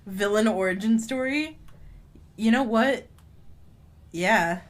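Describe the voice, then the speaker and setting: A woman's voice: mid-range voice, slow pace. A woman streamer giving casual live-stream commentary over a game, playful and giggly, with dramatic reactions.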